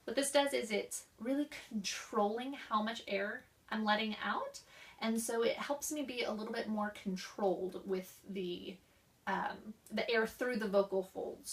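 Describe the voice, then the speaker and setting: A woman's voice: mid-range voice, distant mic. A young woman explaining voice therapy exercises and demonstrating them herself. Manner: demonstrates exercises with coughs, sighs and slow linked speech. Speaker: voice instructor.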